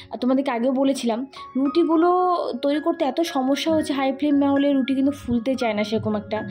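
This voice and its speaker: A slightly hoarse woman narrating her home cooking vlog in a chatty way, talking straight to viewers with plenty of fillers. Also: high voice. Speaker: cooking vlogger. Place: home kitchen.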